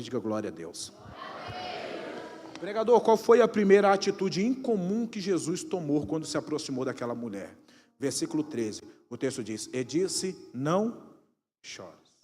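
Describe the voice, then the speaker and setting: A man with a Brazilian Portuguese accent preaching a Pentecostal sermon in a church, moving between shouted exhortation and calm teaching. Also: medium pitch. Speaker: pastor. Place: church sanctuary. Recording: reverberant hall with music behind.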